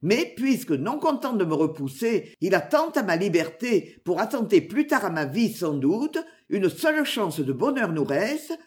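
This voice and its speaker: A woman's voice: mid-range voice, sing-song, a little slow, few pauses, a little mellow. A woman voicing an ardent young knight. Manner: earnest, imperious.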